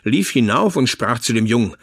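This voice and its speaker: A man reading a fairy tale aloud, slow and expressive. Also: mid-range voice, vocal fry, no room sound, clean studio sound. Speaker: narrator.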